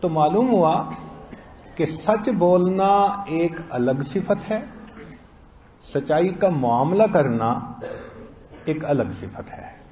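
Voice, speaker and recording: A man preaching a sermon, telling stories and acting out quoted lines in a slow, deliberate delivery. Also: fairly high pitch, expressive, darkish tone. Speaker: Islamic preacher. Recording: roomy, dull lo-fi recording.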